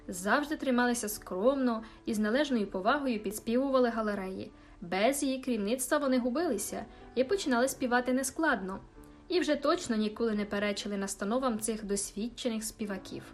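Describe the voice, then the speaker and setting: A woman narrating a classic novel as an audiobook, reading in a calm storytelling manner. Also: a little high. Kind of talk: scripted narration.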